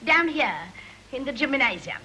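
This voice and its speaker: Gushing, high-voiced stagey society mother. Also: sing-song, normal speed, bright, forceful tone, heavily acted. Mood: excited, flustered. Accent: English. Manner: fussy, gushing, fluttery. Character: gushing, socially ambitious wealthy mother, comically muddled. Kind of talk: stagey 1930s early talkie film comedy acting. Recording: hissy early talkie film soundtrack.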